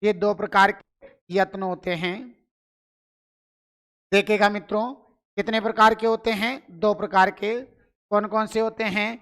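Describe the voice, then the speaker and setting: A man's voice: sits high, little pitch movement, measured pace, pauses often, a bit bright. A male teacher giving a live online grammar lesson, asking questions and answering them himself, and urging viewers to reply in chat.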